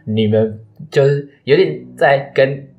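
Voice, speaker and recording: A man's voice: medium pitch, slow, a little mellow, dull audio, soft background music. A young man, chatting casually and explaining things at length with hesitant fillers. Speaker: podcast co-host, student. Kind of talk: casual chat.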